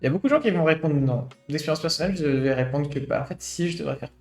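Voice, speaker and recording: A late-twenties streamer with a slightly high voice races through a study at a very fast clip, adding reflective commentary heavy with fillers. The recording has a roomy echo and faint guitar music.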